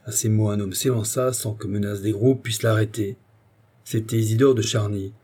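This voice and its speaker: A man narrating a classic novel as an audiobook, with expressive, theatrical delivery. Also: lowish voice, moderate pace, slightly rough.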